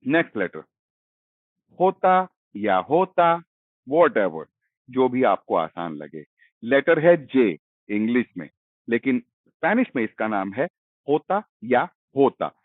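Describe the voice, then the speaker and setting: A man's voice: mid-range voice, big pitch swings, measured pace, dry recording. A man teaching letter sounds in a patient, explanatory way, stretching out key sounds. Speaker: language teacher. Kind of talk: explaining Spanish letters in Hindi. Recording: dry, phone-like narrow sound.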